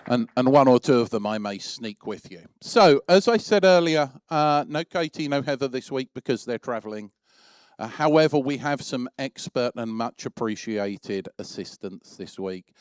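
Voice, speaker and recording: A man speaking at a church service as a youth leader, his voice mid-pitched and dry. He talks in a halting way, filling gaps with many fillers. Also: animated, clear, resonant tone, no echo.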